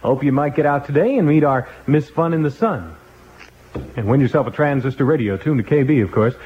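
A man's voice: mid-range voice, animated, fairly quick. A man working as a morning radio disc jockey, with chatty, upbeat patter and a breezy announcer delivery, heard as if through a tinny pocket radio. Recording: tinny lo-fi old radio broadcast with music.

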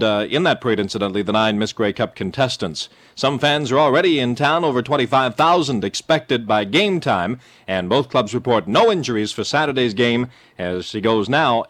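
A man's voice: mid-range voice, a bit bright, dry recording. A man doing morning radio DJ patter, reading scores, time and weather, with jokey rambling asides. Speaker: radio disc jockey.

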